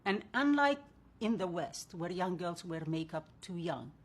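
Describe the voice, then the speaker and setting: A woman's voice: lowish voice, lively intonation, measured pace. A woman in her fifties from Somalia, speaking. She talks earnestly about skincare from her own experience. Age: 50s. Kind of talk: personal reflection in a clip.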